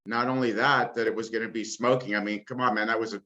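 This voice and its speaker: A man with a bright, forceful voice piles on praise in a casual chat. His speech is loose and full of fillers. The call audio is dull and lo-fi. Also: lowish voice, steady tone, fast talker. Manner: effusive, uses filler like "I mean, come on". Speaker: guest musician. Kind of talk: casual video-call feedback.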